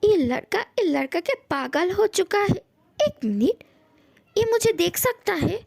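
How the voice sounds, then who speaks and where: A bossy, threatening young male ghost from a fan audio story, voiced by a woman. The voice sits high and gravelly, with dry, close sound. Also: sing-song, unhurried, darkish tone, no echo, full character voice. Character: handsome young male ghost, possessive of his room.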